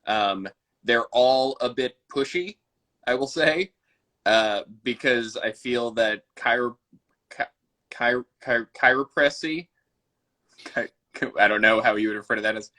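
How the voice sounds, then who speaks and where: Bright-voiced man laughing on a podcast. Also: mid-range voice, unhurried, pauses often. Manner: laughs often, playful, swears casually. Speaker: podcast co-host. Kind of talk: casual chat.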